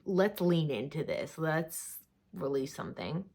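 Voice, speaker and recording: A young woman with a slightly low voice tells a personal story, chatty and animated. She rambles through fillers and quick asides in a loose, casual vlog delivery. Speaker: vlogger telling a personal story.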